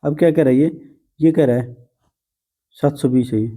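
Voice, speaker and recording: Guy teaching math to students, calls em beta, teases a bit, deep dark kinda husky voice. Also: fairly even intonation, moderate pace. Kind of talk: blackboard math lesson.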